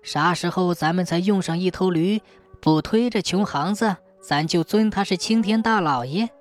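A woman's voice: on the low side, normal speed, faint music behind, lightly acted. A woman voicing a worn-out old peasant wife in her sixties, complaining and anxious. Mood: weary complaint.

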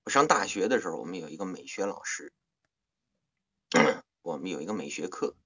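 A man's voice: low voice, animated, moderate pace, fairly bright tone, husky, highs cut off. A man hosting a casual livestream chat, explaining things at length with playful asides. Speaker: livestream host and audiobook narrator.

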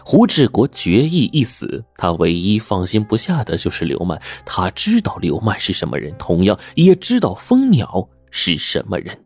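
A man tells a serialized story with dramatic flair. His voice sits deep and husky, swinging widely in pitch as he narrates. A soft music bed plays beneath him. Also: wildly swooping pitch, normal speed, few pauses.

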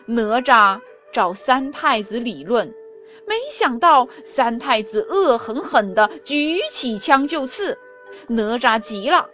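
A woman teacher narrating a children's story, expressive, slow and clear. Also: a little high.

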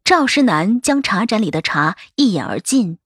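A woman narrating a novel as an audiobook in a steady, even storytelling voice. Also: medium pitch, moderate pace, breathy edge, dry recording, clean studio sound.

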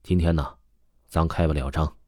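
A man voicing a stern old grandfather who reads fortunes, speaking slowly and gravely in an audio story. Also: very deep voice, steady tone, a little mellow, no room sound, clean studio sound. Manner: grave, slow, commanding.

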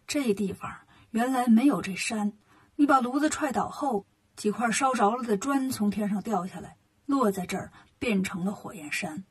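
A woman voicing a gentle old male earth god in a storybook, who speaks slowly and coaxingly. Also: breathy edge. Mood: confiding. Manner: slow, coaxing, lowered voice.

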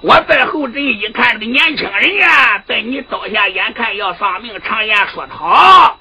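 A woman storyteller voicing a bold, sharp-tongued young noblewoman warrior who answers back with quick retorts. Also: fairly high pitch, animated, husky, exaggerated voice. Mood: defiant. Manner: pleading then cutting, quick retorts. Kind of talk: Henan zhuizi sung storytelling.

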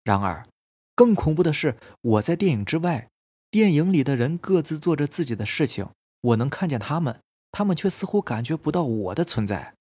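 男性恐怖故事主播，声音略哑，叙述平稳克制，适合夜间讲鬼故事. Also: male voice, on the high side, husky, no echo. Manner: calm, measured first-person storytelling. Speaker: storytelling podcast host. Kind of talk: scripted horror story narration. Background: faint eerie background music.

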